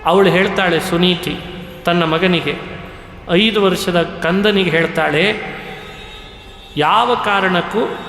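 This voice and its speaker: A man giving a devotional sermon, speaking in a slow, measured way and now and then chanting verses. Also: high-pitched, steady tone, a bit bright, a little hiss or hum. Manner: slow and measured, breaks into sung Sanskrit verses. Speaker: religious discourse speaker. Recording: echoey hall with faint ambience.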